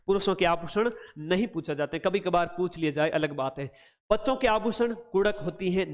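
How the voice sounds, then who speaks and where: A man's voice: high voice, in a large hall. A man teaching an online exam-prep lesson, greeting viewers by name and making up playful memory tricks.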